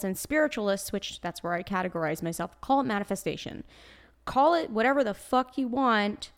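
A woman in her late twenties with a Brooklyn New York accent, talking casually as a podcast host, sassy, blunt and swearing freely. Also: medium pitch. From New York, USA. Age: late 20s. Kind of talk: casual solo podcast talk. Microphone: desk microphone.

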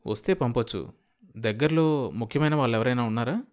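A man's voice: medium pitch, fairly quick, darkish tone, lightly acted. A man voicing a worldly, somewhat impatient man who explains things in a matter-of-fact way. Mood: explaining.

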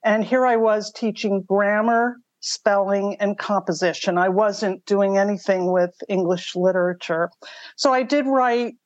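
A woman's voice: mid-range voice, fairly even intonation, measured pace, dry recording, dull audio. An older woman telling her story conversationally as a podcast interview guest. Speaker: podcast guest, mystery writer.

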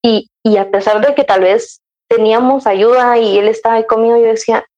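A woman's voice: fairly high pitch, fairly even intonation, a little fast, warm tone, dull audio. A young woman, telling her story in casual chat, acting out her own past words with many restarts. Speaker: guest sharing her motherhood story.

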